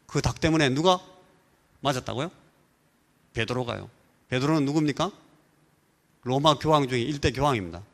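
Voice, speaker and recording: A Korean man preaching as pastor, telling an animated story and mimicking rooster crows and voices. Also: mid-range voice. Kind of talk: sermon. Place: church sanctuary. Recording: church hall reverb.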